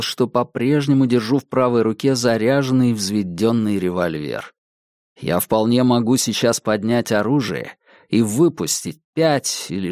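A man narrating a gothic story in a measured, somber, dramatic reading. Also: mid-range voice, a little mellow, no echo, studio quality. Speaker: audiobook narrator. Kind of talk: scripted narration.

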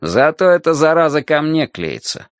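A man voicing an unhurried, dryly ironic male janitor who speaks deliberately. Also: fairly high pitch, sing-song, no echo, pitched above the performer's own voice.

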